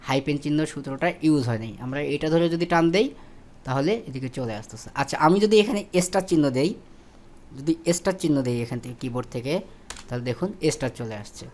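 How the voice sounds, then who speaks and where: A man's voice: on the high side, a little mellow. A man, teaching a spreadsheet tutorial step by step, with fillers and self-corrections. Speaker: instructor. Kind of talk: screen-recorded spreadsheet tutorial.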